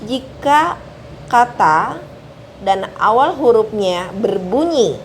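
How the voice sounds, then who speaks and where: A woman's voice: fairly high pitch, lively intonation, slow pace. A woman with an Indonesian accent explains an English grammar lesson to students. She works through it step by step, repeats each example word and keeps checking that they understand. There is faint background noise behind her voice. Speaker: English teacher.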